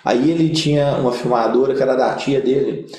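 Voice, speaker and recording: In a mid-range voice and at a brisk clip, a young Brazilian man who works as a pastor recounts funny stories for a casual interview. He's an animated comic storyteller who imitates the people's voices, and the room echoes.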